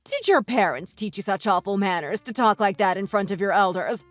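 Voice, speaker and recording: Woman voicing an older mother-in-law, slow scolding delivery, dry recording, soft music bed. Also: medium pitch, expressive, dry recording, natural voice. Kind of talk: read-aloud text-message story.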